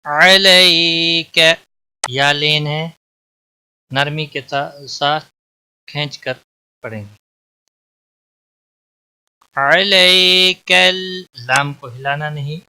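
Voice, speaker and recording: A man with a very bright, sharp tone, teaching recitation rules at an unhurried pace. He chants each phrase slowly and drawn out, then switches to plain explanations. His voice sits a little above the usual male range. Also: fairly high pitch, fairly even intonation. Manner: slow, drawn-out recitation alternating with plain spoken instruction. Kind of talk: tajweed lesson, chanted examples then explanations.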